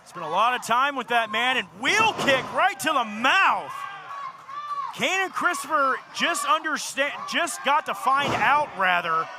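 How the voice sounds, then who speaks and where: A man delivers excited wrestling play-by-play in a very high-pitched voice. His announcer calls are forceful and often shouted. The live arena recording is noisy around him. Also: a little slow. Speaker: wrestling commentator.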